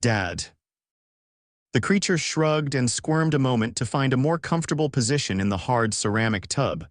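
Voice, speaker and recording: Male author-narrator, mid-pitched, dry close sound, steady storybook read. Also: a little fast, no echo. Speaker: author reading his story.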